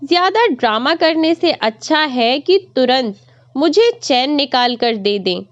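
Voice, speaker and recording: A woman voicing a harsh young daughter-in-law who shouts scornful accusations at her mother-in-law. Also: high voice, very animated, slow, dry recording, muffled recording, full character voice. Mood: angry, accusing.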